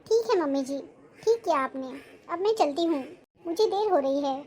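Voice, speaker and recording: A woman's voice: extremely high pitch, animated, normal speed, warm tone. A woman voicing an arrogant, scornful young daughter-in-law in a cartoon-style family drama, always complaining and snapping back. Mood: impatient. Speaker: schoolteacher character.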